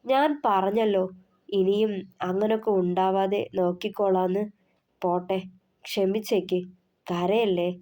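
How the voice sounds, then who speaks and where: A stern young husband whose scolding turns to pleading, voiced by a woman reading a story, in a warm, mellow tone. He sounds gruff yet caring throughout an audio novel. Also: mid-range voice, fairly even intonation, unhurried, pauses often, natural voice.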